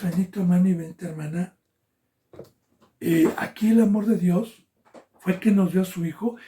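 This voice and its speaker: A male pastor from Mexico delivers a Bible sermon in a mellow, rather dark voice. He swells with fervor when he quotes scripture, then drops almost to a whisper. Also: high voice.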